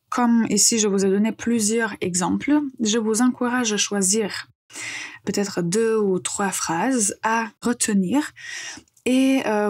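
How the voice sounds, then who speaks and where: A woman teaching French on a podcast, explaining phrases patiently with frequent pauses and hesitations. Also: medium pitch, a little mellow, breathy edge. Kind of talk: podcast language lesson.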